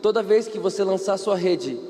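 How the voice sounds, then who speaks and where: A man with a Brazilian Portuguese accent preaching a sermon in an animated way, acting out the people in the story and asking the audience questions. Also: sits high, normal speed, big-room sound. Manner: animated, acts out quoted characters, asks the audience questions.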